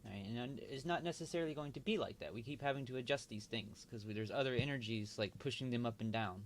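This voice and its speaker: A man thinking aloud while he works, mumbling and halting as he talks to himself. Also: medium pitch, slight background noise. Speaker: video host.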